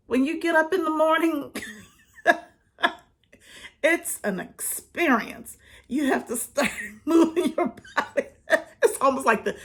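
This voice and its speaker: A woman in her fifties chatting casually to her viewers, laughing often as she talks. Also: sits high. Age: 50s. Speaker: vlogger. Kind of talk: casual chat to camera.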